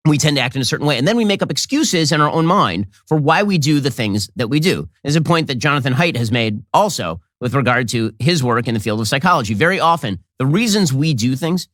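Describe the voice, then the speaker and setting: Male pundit, quick sarcastic monologue, lively pitch, dry close mic. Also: no echo. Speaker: political commentator. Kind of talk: commentary monologue.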